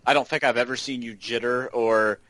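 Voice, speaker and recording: Co-host, man, halting delivery, dry close sound. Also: mid-range voice, steady tone, a bit bright, no room sound. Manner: halting, repeats words as he starts. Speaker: podcast co-host. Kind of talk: casual gaming podcast chat.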